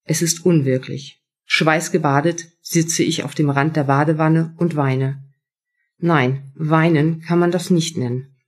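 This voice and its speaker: Give me a woman author with a husky voice reading aloud from her book. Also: deep voice, steady tone, unhurried, darkish tone. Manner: first-person storytelling. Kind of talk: live reading from her own novel.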